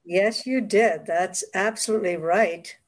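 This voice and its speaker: A woman's voice: mid-range voice, a little slow. A woman from the Caribbean with a West Indian accent, the guest author on a video call, telling stories from her childhood with frequent laughs. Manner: warm storytelling, laughs often. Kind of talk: casual interview conversation.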